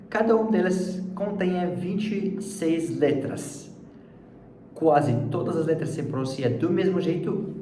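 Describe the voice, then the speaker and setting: Brief: male language teacher, slow and deliberate, a mellow voice, recorded in an echoey room from a distance. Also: fairly high pitch. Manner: slow, deliberate, repeats words for the learner. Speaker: French teacher. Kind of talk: language lesson. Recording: echoey room, distant mic, faint background noise.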